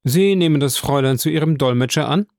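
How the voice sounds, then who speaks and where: A man's voice: fairly high pitch, quick pace, a little mellow, no room sound, clean studio sound, lightly acted. A man voicing an eager, long-winded male notary in a read-aloud story, formal in his speech. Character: eager, wordy middle-aged male notary.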